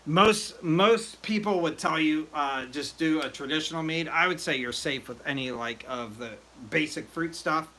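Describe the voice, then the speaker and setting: An excitable man rambling through a casual brewing livestream, greeting viewers as he goes. His voice is very bright and sharp, and it sits a bit high for a man. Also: normal speed, few pauses. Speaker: livestream host. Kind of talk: casual live-stream chat while brewing mead.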